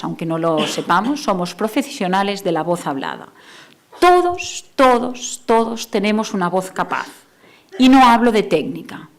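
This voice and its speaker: A woman speech therapist, Catalan native, lectures to an audience in a slightly low voice. She drops to a soft, quiet tone at times, then rises into emphatic bursts. The talk comes from a lecture hall. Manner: expressive, shifts between soft lowered voice and emphatic bursts. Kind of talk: conference talk.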